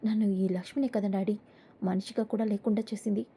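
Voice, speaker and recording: A woman's voice: mid-range voice, steady tone, fairly quick, warm tone, husky. A woman reading the lines of a bitter, stubborn young husband while recapping a serial episode.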